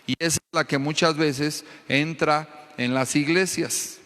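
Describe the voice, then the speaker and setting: Man, Mexican accent, pastor's sermon, fervent, high bright voice, long church-hall echo. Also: steady tone, a little slow. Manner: fervent, keeps asking the congregation questions.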